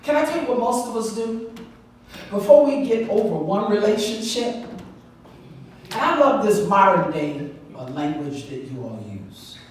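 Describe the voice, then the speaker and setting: Female pastor, lively pitch, far-off mic in a reverberant sanctuary. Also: a little slow, slight background noise. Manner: conversational preaching, rising to emphatic call-outs to the congregation. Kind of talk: sermon. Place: large church sanctuary. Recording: echoey church hall from far off.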